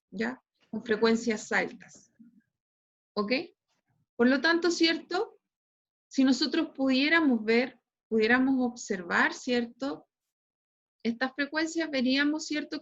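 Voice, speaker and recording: A woman's voice: sits high, gravelly, fairly bright tone, dull audio. A woman with a Chilean accent teaching a physics class online, explaining patiently and checking in with "right?" after nearly every phrase. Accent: Chilean Spanish. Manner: explains patiently, constantly tags phrases with "¿cierto?". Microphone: computer mic on a video call.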